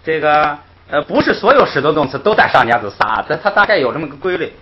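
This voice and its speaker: A man's voice: on the high side, sing-song, quick pace. Patient male teacher, lilt. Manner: patient, repetitive, punctuates with "hey" and soft chuckles. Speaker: Tibetan grammar teacher. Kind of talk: explanatory classroom lecture. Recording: dull lo-fi recording with faint noise.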